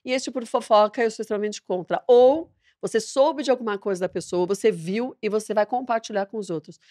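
A woman, a TV presenter, chatting as a podcast guest and telling a story lively, acting out the dialogue. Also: mid-range voice, brisk, no echo, clean studio sound. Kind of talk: casual interview chat.

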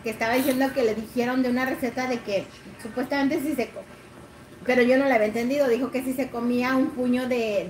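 A woman with a Mexican Spanish accent, chatting casually and telling lively stories with laughter. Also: a little high. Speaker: co-host, friend. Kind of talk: casual storytelling chat. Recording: echoey room with noise.

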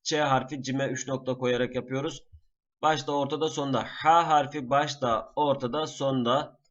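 A man teaching a class in a screen-recorded lesson, patiently naming each item slowly and repeating it. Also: medium pitch, fairly even intonation, muffled recording. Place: at a computer.

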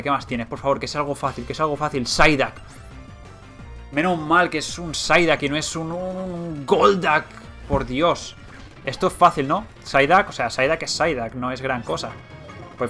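A young man with a Spain Spanish accent commentating a video game as he plays, thinking aloud, getting excited and swearing. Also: on the high side, moderate pace, soft background music. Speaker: let's play gamer.

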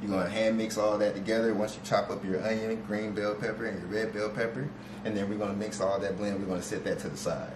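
A young man, a guest chef, walks through a recipe in a casual cooking demonstration, speaking quickly in a lowish voice. His delivery is steady and instructive, with fillers like "you know." He's recorded by a far camera in a large, echoey, noisy home kitchen.

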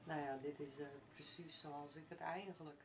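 A woman's voice: low-pitched, steady tone, normal speed, slight background noise. A woman who is a salon client, giving a short, plain-spoken testimonial on camera. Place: salon, indoors.

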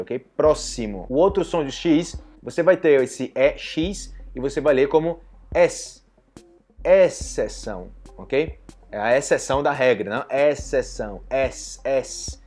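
A Brazilian man with a Brazilian Portuguese accent teaching a pronunciation lesson, asking "ok?" often and drilling sounds slowly. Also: a little high, darkish tone. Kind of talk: online language lesson.

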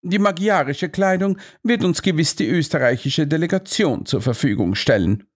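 Ein Mann, der in einem Hörbuch einen selbstbewussten, kühlen Meisterdetektiv spricht, sachlich und selbstsicher. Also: male voice, a little high, animated, normal speed, husky, voice pushed up.

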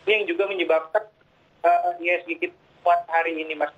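A man's voice: fairly high pitch, fairly even intonation, a little fast. A man speaking as a market analyst over a video call whose audio keeps breaking up, talking hesitantly with many filler sounds. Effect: choppy video call audio that keeps breaking up. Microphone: remote video call. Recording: tinny, phone-like video call line.

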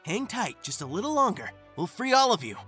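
A man's voice: high-pitched, big pitch swings, brisk, sharp tone, slightly rough, heavily acted. A man voicing a cocky, easygoing young hedgehog hero with a breezy, teasing delivery in a comic dub. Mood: breezy, confident. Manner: breezy, teasing, self-assured. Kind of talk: amateur comic dub acting. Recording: music behind the voice.

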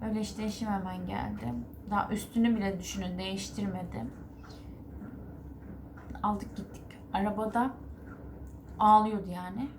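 A woman's voice: mid-range voice, steady tone, moderate pace, gravelly, pauses often, slight background noise. A woman vlogger and mother talking to the camera, telling a story in a rambling, earnest way and correcting herself as she goes. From Turkey. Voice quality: rambling, self-correcting recounting.

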